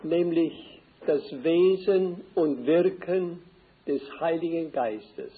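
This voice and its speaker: An older man preaching a sermon slowly and deliberately, repeating key phrases for emphasis. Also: fairly high pitch. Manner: slow, deliberate, emphatic repetition. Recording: tinny phone-like old recording.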